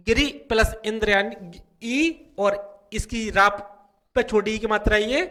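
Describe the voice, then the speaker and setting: A man's voice: high-pitched, pushed and bright. A man with a North Indian Hindi accent teaching a grammar lesson, explaining step by step and repeating each point. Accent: Hindi-speaking North Indian. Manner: slow, repetitive explaining with frequent "ठीक है".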